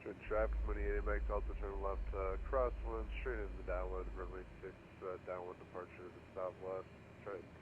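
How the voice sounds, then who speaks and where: Low-voiced man on a pilot radio call. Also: flat delivery, fast talker, few pauses, noisy background. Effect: pilot radio call heard over a cockpit headset. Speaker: pilot on a flight-sim network. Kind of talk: terse traffic radio call. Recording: dull lo-fi radio from far off.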